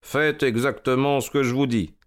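A man doing a sharp detective in a radio play, brisk and bossy. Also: medium pitch, steady tone, clear, resonant tone, natural voice. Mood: commanding. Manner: brisk, commanding. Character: keen commanding male detective. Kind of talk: radio drama acting.

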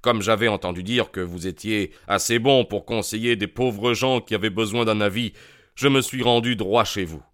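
A man's voice: fairly low pitch, moderate pace, a bit bright, smooth, lightly acted. A man reading a bewildered, aggrieved client. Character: bewildered, aggrieved middle-aged male client. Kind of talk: audiobook character voice.

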